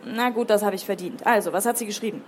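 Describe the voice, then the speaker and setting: A woman's voice: medium pitch, fast talker, a little hiss or hum, lightly acted. A woman reading the lines of a teasing teenage boyfriend in a storybook.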